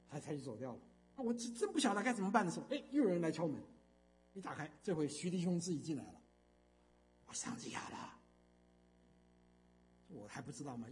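An older man giving a church testimony as a storytelling sermon, emphatic and animated, with frequent fillers. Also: fairly high pitch.

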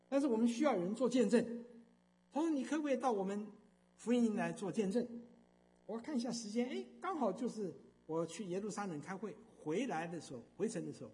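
An older man giving a church testimony as a storytelling sermon, emphatic and animated, with frequent fillers. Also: high voice.

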